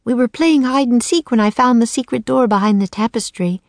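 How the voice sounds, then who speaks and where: A woman's voice: a little high, brisk, no room sound, voice pushed up, lightly acted. A woman voicing a cheerful young girl who is a castle daughter, telling her tale eagerly.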